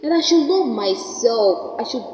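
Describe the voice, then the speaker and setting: A woman's voice: on the high side, expressive, a little slow, darkish tone, slight background noise. A woman in her twenties telling a personal story in a vlog, speaking earnestly and often repeating words as she thinks. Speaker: vlogger. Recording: roomy, reverberant, slightly dull sound.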